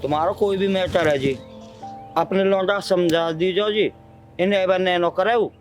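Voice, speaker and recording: Brief: earnest Haryanvi village neighbor, high-pitched man, polite yet insistent, played by a man, faint music. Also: moderate pace, natural voice. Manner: respectful, insistent. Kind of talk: Haryanvi film acting.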